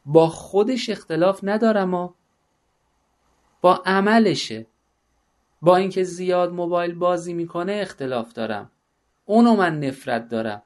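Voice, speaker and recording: A man's voice: sits high, pauses often. A middle-aged man giving a religious talk on parenting, speaking emphatically and often acting out bits of dialogue.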